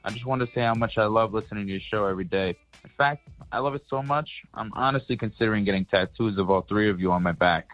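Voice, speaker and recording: A man leaving a quick, gushing voicemail, played back over a phone line. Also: fairly low pitch. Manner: quick, gushing fan message. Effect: recorded voicemail played over a phone line. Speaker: voicemail caller. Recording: dull phone voicemail with faint music.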